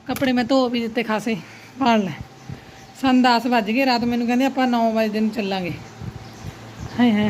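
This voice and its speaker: Grumbling and exclaiming like a dramatic aunty, a middle-aged woman vlogger chats casually for a family vlog. Background rumble resembling a vehicle makes the recording noisy.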